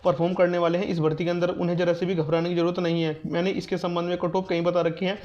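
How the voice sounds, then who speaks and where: In a muffled, dull, lo-fi recording, a man speaks fast in a high-pitched, slightly mellow voice with a flat delivery. The exam news and guidance YouTuber gives students an informal update, saying things more than once to reassure and instruct.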